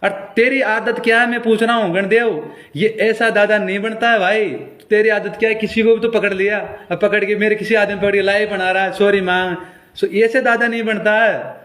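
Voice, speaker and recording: A man's voice: high voice, little pitch movement, normal speed, a bit bright. A male folk singer with a Rajasthani accent, delivering an angry, confrontational appeal on a live stream and repeating his challenges.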